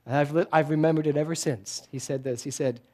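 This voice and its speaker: Middle-aged male speaker, slightly high voice, animated, chatty sermon delivery with lots of laughter and self-mocking asides. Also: fast talker. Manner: animated storytelling with frequent laughter; conversational and self-deprecating. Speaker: guest speaker at a spiritual center.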